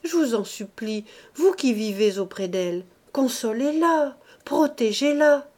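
A woman's voice: on the high side, lively intonation, measured pace, darkish tone, pitched above the performer's own voice. A woman voicing an elderly self-righteous bourgeois mother who laments plaintively in an audiobook. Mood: indignant lament. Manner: indignant, plaintive.

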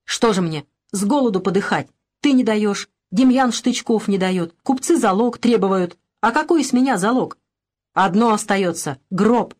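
A woman's voice: medium pitch, animated, normal speed, darkish tone, close to an everyday voice. A woman voicing a poor old peasant man who pleads plaintively for bread, reading a storybook. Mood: pleading.

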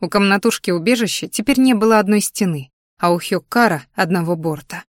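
A woman reading a first-person fantasy audiobook in an expressive, dramatic way. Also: medium pitch, fairly quick, no room sound, clean studio sound. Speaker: audiobook narrator.

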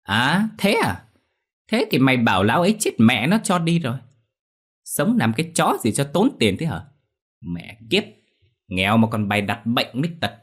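A man's voice: on the low side, sing-song, moderate pace, a bit bright, breathy edge, heavily acted. A man voicing a cruel, greedy female moneylender who screeches and curses in a storybook tale. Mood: scornful. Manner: screeching, cursing, scornful.

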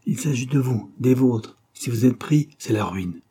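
A man's voice: medium pitch, lively intonation, unhurried, warm tone, breathy edge, pitched above the performer's own voice. A man voicing a weak, frightened young girl in a storybook reading, faint and pleading.

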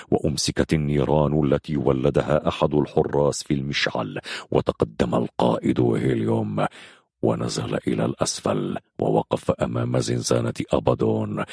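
A man narrating a story in an expressive, dramatic reading style. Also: a bass voice, vocal fry, breathy edge, dry recording, clean studio sound.

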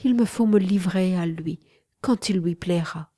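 A torn, tender noblewoman speaks softly and with measured compassion in a storybook reading, voiced by a woman. The voice sits low and moves slowly. The recording is close and dry. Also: dry recording. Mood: confessing. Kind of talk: audiobook reading.

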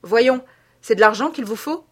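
Indignant, panicking older lawyer for a storybook reading, played by a woman, sharp raised outbursts. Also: a little high, lively intonation, moderate pace.

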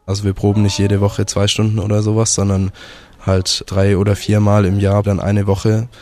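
A man of twenty from a youth big band, speaking enthusiastically and quickly in an interview. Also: on the low side, completely flat delivery, dark tone, soft background music. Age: 20s. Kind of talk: interview answers.

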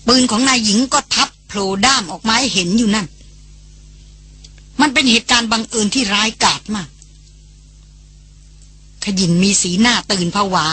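Woman audiobook reader, higher voice, breathy and bright, steady storytelling. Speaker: audiobook narrator. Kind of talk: scripted novel narration.

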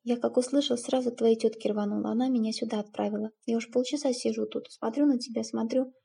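A woman's voice: on the high side, steady tone, fast talker, gravelly, warm tone, breathy edge. A woman reading the part of a cheerful, earnest young stepson who talks eagerly and reassuringly.

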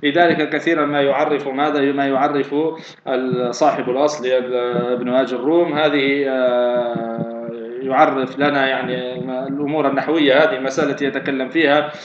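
A man's voice: mid-range voice, little pitch movement, brisk. A man teaching a grammar lesson, explaining step by step. He often poses a question and answers it himself, with many fillers and restarts. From Tunisia. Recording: echoey, dull lo-fi recording with faint noise.

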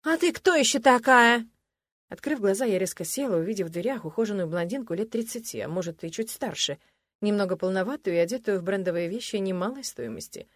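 A woman reading a story aloud in a steady, even storytelling voice. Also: medium pitch, fast talker, dry recording, studio quality. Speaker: narrator. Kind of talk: audiobook reading.

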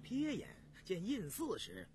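A man's voice: sits high, huge pitch swings, slow pace, background noise. A man reading a novel aloud with dramatic expression and acted dialogue. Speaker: storyteller.

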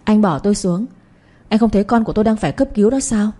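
A woman's voice: mid-range voice, fast talker, dark tone, lightly acted. A woman reading the lines of a guarded middle-aged mother who answers curtly and defensively in an audio story. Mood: agitated. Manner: curt, defensive.

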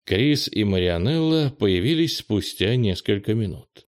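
A man narrating a fantasy novel as an audiobook with an even, steady reading. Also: fairly low pitch, measured pace, no room sound, studio quality.

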